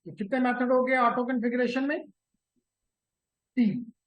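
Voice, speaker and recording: A man's voice: very high voice, normal speed, fairly bright tone, low-quality recording. A man teaching a live networking class. He slips English technical terms into his explanations, repeats key terms and keeps checking whether students follow. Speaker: networking instructor.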